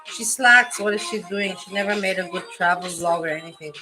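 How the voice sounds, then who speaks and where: A woman's voice: fairly low pitch, fairly quick. A woman with a non-native English accent, hosting a casual livestream and talking bluntly, with heat and free swearing. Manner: blunt, heated, swears freely. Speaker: livestream host. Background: music playing.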